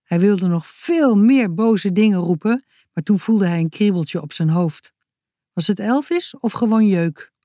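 A woman narrating a children's storybook in a clear, even reading voice. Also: medium pitch, unhurried, no echo, clean studio sound.

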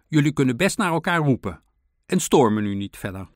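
A man's voice: medium pitch, big pitch swings, fairly quick, no room sound, clean studio sound, pitched above the performer's own voice, natural voice. A man voicing a busy, stubborn male beaver who answers bluntly and dismissively in a storybook reading. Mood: gruff, busy.

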